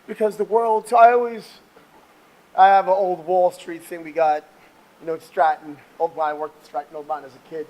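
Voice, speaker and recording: A man's voice: sits high, little pitch movement, normal speed, darkish tone, low-quality recording. A man hosting a casual motivational interview, talking emphatically like a salesman while exercising on a treadmill. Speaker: interview show host.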